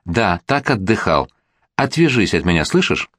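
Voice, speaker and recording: A man's voice: deep voice, sing-song, moderate pace, a bit bright, dry recording, clean studio sound, full character voice. A man voicing a desperate, cornered middle-aged father in a read-aloud story, ragged and strained.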